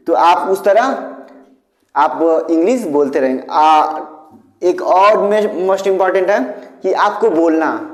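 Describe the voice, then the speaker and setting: A man's voice: on the high side, a little mellow. A man from India teaching spoken English in a casual lesson, explaining with homely examples and checking in often with the class. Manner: explains with homely examples and repeated "theek hai". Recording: echoey room with long reverb.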